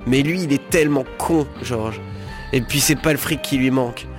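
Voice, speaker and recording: A man's voice: mid-range voice, normal speed, music in the background, close to an everyday voice. A man reading as a weary, bitter drinking woman.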